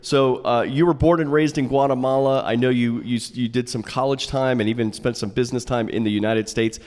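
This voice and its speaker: A man's voice: medium pitch, steady tone, brisk, darkish tone, big-room sound. A man hosting a podcast interview, friendly and asking short questions in a co-working space. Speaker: podcast host. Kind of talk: casual interview conversation.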